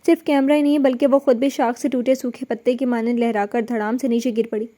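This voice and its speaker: A woman narrating a dramatic novel in an expressive, emotional style. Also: a little high.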